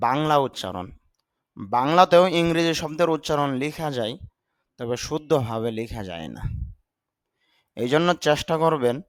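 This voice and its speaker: Step by step and with patience, a man whose first language is Bengali walks through English vocabulary, breaking each word down sound by sound. His voice leans high, and the recording is dry.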